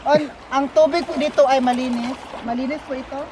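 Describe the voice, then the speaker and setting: A woman from the Philippines hosting a casual family vlog, chatty and quick to laugh, filming on a handheld phone. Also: high-pitched, fairly even intonation. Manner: chatty, laughs often, switches languages. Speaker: vlog host. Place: home kitchen and outdoor walk. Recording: roomy sound with loud cooking noise. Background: frying and sizzling.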